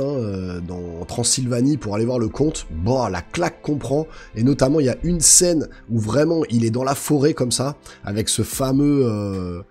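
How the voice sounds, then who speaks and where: A channel host reviews a film in a casual, enthusiastic way, his voice hoarse, guttural, and slightly sick-sounding. It sits at a medium pitch with a somewhat mellow quality.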